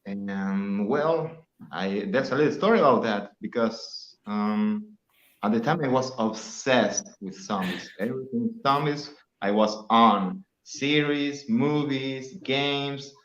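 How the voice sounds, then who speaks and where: A native Spanish speaker with an Argentine accent appears as a guest on a livestream, chatting casually and telling loose stories with some swearing. His medium-pitched, slightly bright voice moves slowly. The recording is muffled and the room echoey.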